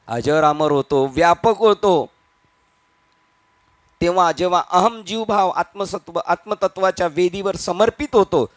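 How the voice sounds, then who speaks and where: A man giving a devotional discourse, animated, breaking into quoted voices and rhetorical questions. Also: sits high, no room sound. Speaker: kirtan preacher.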